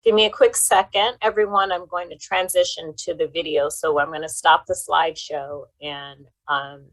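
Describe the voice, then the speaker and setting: A woman presenting and moderating at an online conference, speaking in a steady, conversational way. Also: low-pitched, moderate pace, rough recording.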